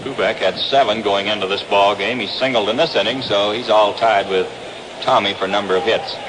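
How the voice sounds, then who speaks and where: Fairly low-pitched and steady, and a little fast, an American man gives play-by-play of a baseball game in 1960s radio sports style. It is broadcast from an outdoor ballpark on a noisy vintage 1962 radio recording.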